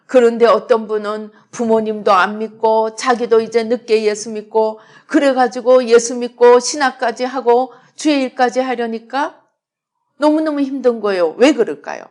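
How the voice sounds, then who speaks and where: A middle-aged woman pastor preaching a sermon, swinging between loud emphatic lines and quiet asides. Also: a little high, moderate pace. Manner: acts out prayers and God's replies in quoted voices.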